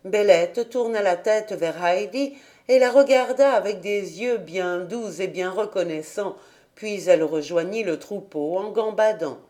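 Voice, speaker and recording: A woman reading a children's classic aloud as an audiobook narrator in a slow, measured way. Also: medium pitch, dark tone. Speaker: audiobook reader. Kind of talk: storybook narration.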